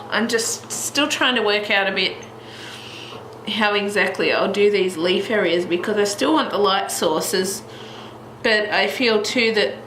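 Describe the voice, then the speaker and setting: Her mid-range, slightly bright voice is stuffy and congested as this young Australian colouring channel host talks her way through a tutorial at home by a heater. She rambles casually, filling the talk with fillers and restarts, in an echoey room with background noise.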